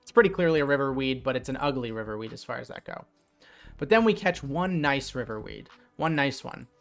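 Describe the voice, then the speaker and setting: A man casually retelling a night fishing trip in a chatty, animated way, with lots of fillers. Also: medium pitch, brisk, faint music behind. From New Jersey. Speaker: streamer. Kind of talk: casual storytelling.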